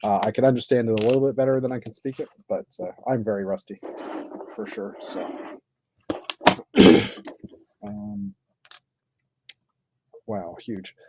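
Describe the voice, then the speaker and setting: A man chatting casually on a live stream while building, thinking aloud with many pauses and fillers. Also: mid-range voice, lively intonation, noisy background. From Canada. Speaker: streamer building with toy bricks. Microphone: computer mic on live stream. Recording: dull lo-fi stream audio.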